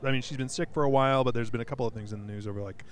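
A man's voice: mid-range voice, steady tone, racing. A man hosting a comedy podcast, rambling in casual banter and stumbling over his words as he corrects himself.

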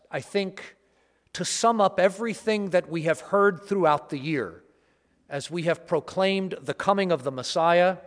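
A priest reading the gospel and giving a homily at Mass in a measured, deliberate way, his voice carried by a cathedral echo. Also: a little high. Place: large church. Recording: long church hall reverb.

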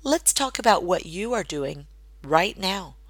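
Earnest woman host, low dry voice. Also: very animated, measured pace, no room sound, poor audio. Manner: earnest, instructive, addresses the listener directly. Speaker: podcast host and direct-sales coach. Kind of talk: solo podcast training talk. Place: home office.

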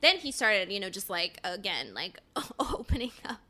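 A woman co-hosting a podcast and recounting an anecdote in a relaxed, conversational way. She leans on "like" and "you know" and slips in short laughs. Her voice is bright and forward at a middle pitch. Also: moderate pace. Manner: chatty, many "like" fillers, laughs between phrases. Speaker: podcast co-host. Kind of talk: casual conversational storytelling.

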